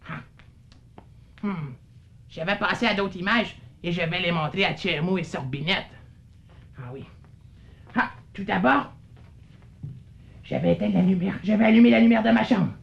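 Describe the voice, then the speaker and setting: A woman's voice: fairly low pitch, animated, normal speed, creaky, long pauses, lo-fi sound. Brief: curious childlike male puppet, voiced by a woman, sing-song and stammery. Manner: playful, stammering, wonder-struck. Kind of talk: children's puppet show acting.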